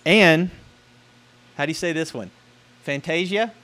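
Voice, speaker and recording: A man's voice: on the high side, a little slow, pushed and bright. A man preaching a casual sermon in an upbeat, conversational youth-pastor manner, asking rhetorical questions and repeating key words for emphasis.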